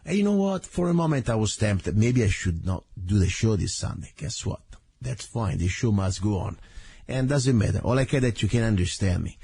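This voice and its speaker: Hoarse, congested caveman-voiced male radio host. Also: on the low side, moderate pace, a little mellow, no room sound. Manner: rambling, informal. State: hoarse with a heavy cold. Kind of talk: casual radio talk.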